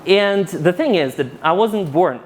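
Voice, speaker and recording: Conference speaker, man in his 30s, casual and animated, handheld mic in a hall, faint noise. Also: high-pitched, a little slow. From Ukraine. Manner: animated, casual, many restarts. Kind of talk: conference talk with Q&A.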